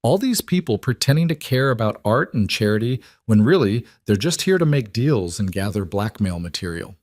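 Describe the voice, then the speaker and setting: Man doing a cold suspicious rich girl, threatening, higher voice, dry. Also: sing-song, moderate pace, a little mellow, no echo. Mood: scornful. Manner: probing, cold, menacing. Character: suspicious, threatening young society woman.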